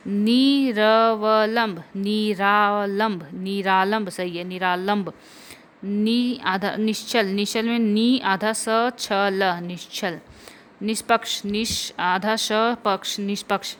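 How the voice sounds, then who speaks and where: A woman's voice: mid-range voice, steady tone, takes it slowly. A woman teacher going through Hindi spelling corrections, spelling out words letter by letter.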